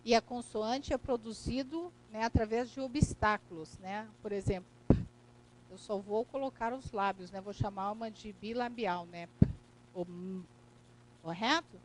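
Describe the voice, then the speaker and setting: A woman's voice: fairly high pitch, moderate pace, a little hiss or hum, low-quality recording. A woman with a Brazilian Portuguese accent teaching a recorded grammar lesson, explaining step by step and checking in with "né?" and "correto?".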